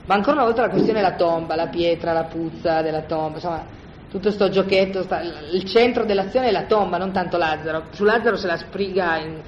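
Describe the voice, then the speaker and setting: Fairly quick and mid-range, the voice belongs to a Bible study teacher lecturing a group on scripture in a room, loose and colloquial. He explains with animation and restarts, repeatedly asking "no?" to check in. Slight background noise and faint ambience sit in a roomy, dull lo-fi recording.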